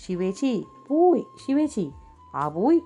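A woman voicing a playful, cheeky young girl in a storybook reading, calling out in a shrill, teasing way. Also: lively intonation, a little fast, darkish tone, faint music behind, lightly acted.

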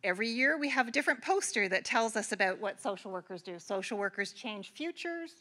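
A woman's voice: medium pitch, lively intonation, brisk, bright, forceful tone. A middle-aged woman from Canada giving a conference keynote address, talking earnestly and conversationally with frequent restarts. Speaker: keynote speaker. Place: large convention hall.

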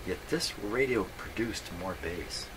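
His voice sits on the low side with lively intonation, and he speaks a little slowly. The man, a hobbyist host, narrates radio repair work in his indoor electronics workshop, thinking aloud casually with musing, wry self-deprecation. The recording is clear, with workshop noise behind him.

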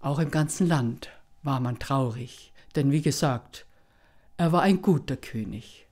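Slow deliberate woman storyteller. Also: rumbling low, a little mellow. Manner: slow, deliberate, dramatic pauses. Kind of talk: oral folk-tale telling.

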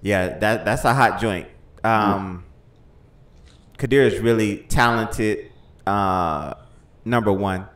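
A man's voice: fairly low pitch, slow pace, long pauses, a bit bright, roomy sound. A middle-aged man hosting a podcast, joking and laughing in casual banter. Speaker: podcast host. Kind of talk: casual chat. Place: studio room with large headset-style mic. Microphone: close boom mic.

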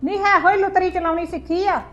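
A woman playing a sharp-tongued older mother-in-law who grumbles and scolds in a family drama. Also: very high-pitched, steady tone, fast, highs cut off, soft background music. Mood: grumbling.

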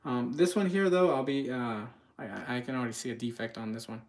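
This channel host and product reviewer has a medium-pitched voice and talks fairly quickly. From his home kitchen, he offers relaxed live commentary on products, addressing viewers directly in an informal, slightly hesitant way.

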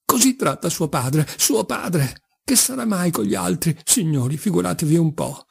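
A man doing a wheedling old buffoon of a father in a storybook reading, his voice pitched up high and theatrical. He sounds gravelly and husky, forever whining, pleading and accusing in mock grief. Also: expressive, moderate pace, full character voice. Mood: aggrieved. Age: older. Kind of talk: audiobook character reading.

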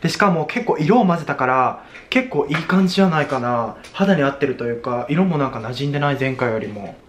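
Animated, fast-talking young man using gyaru slang. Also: mid-range voice, a little hiss or hum. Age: young adult. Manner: Japanese gyaru slang, casual exaggerated girly-slang talk; animated, theatrical exclamations. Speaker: video host. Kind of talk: casual makeup vlog chat. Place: small plain indoor room.

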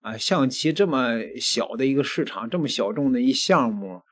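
A middle-aged man giving news commentary into a desk microphone, deliberate, with pauses and emphatic repetition. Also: medium pitch, animated, fairly bright tone. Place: small indoor studio at a desk. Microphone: desk microphone close in front.

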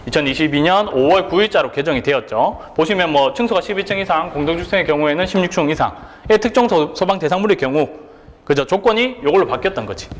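A fairly high-pitched man gives an online lecture as an exam prep instructor, and he sounds like he's in a large hall. He often checks in with the listener and answers his own rhetorical questions.

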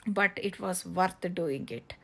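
A woman narrating a casual travel vlog outdoors on coastal cliffs, halting with many fillers and restarts. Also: lowish voice, creaky, bright, forceful tone, breathy edge. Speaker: travel vlogger.

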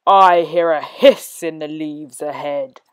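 A woman's voice: low-pitched, slow pace, clean tone, dry recording, pitched below the performer's own voice. A woman voicing a big, gullible male storybook monster with a menacing, theatrical manner. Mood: wary. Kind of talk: children's storybook character voice.

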